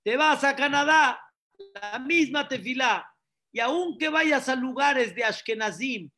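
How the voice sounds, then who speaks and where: A rabbi preaching a sermon, repeating phrases and asking the listeners questions. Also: male voice, extremely high pitch, bright, forceful tone. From Mexico. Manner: preaching with repetitions and rhetorical questions.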